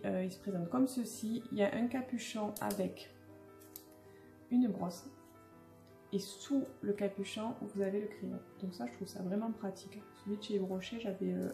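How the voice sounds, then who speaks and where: A woman's voice: medium pitch, steady tone, normal speed, gravelly, mellow. A young adult woman chatting casually through a makeup unboxing, hesitant with many fillers and restarts. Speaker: beauty vlogger. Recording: echoey room, faint music.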